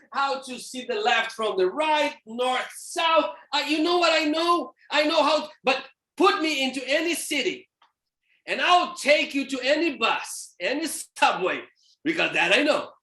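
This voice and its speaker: A man from Brazil with a Brazilian Portuguese accent, giving an animated, playful church lecture as a theologian. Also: very high voice, unhurried. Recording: echoey church hall.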